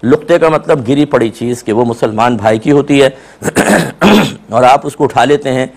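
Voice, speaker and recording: A man's voice: medium pitch, lively intonation, moderate pace, gravelly. A male Islamic scholar with a sore throat, earnestly explaining religious rulings in answer to questions. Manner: earnest explanatory tone, voice jumps up when quoting people. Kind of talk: religious Q&A talk.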